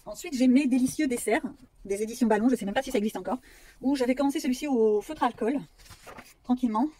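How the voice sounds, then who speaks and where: A woman's voice: fairly high pitch, quick pace, dark tone. A woman vlogger chatting casually about her coloring books, self-mocking and rambling with fillers.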